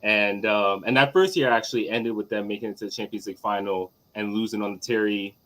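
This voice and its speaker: A man's voice: lowish voice, quick pace, fairly bright tone. A man in his thirties from Trinidad, a guest chatting casually with many fillers and easy laughs. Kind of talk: casual chat.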